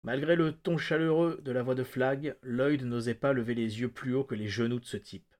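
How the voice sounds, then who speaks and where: A man, a podcast host, reading a novel excerpt aloud in a measured, steady narration. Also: mid-range voice.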